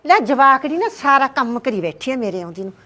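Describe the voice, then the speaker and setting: A fretful, sighing mother-in-law in a village short film, played by a woman. She is kindly but worn down, and she speaks in a slightly high voice. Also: big pitch swings, fairly quick, sharp tone, exaggerated voice.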